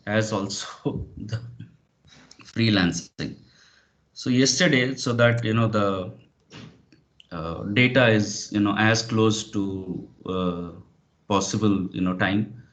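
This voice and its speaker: A man presenting an online webinar, speaking hesitantly with many fillers like "you know". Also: on the low side. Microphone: video call. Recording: dull lo-fi video call audio.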